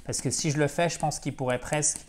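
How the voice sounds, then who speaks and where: A man who speaks natively, teaching English in a lively, chatty way and drilling words over and over. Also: on the high side, a little fast. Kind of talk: French-language English lesson.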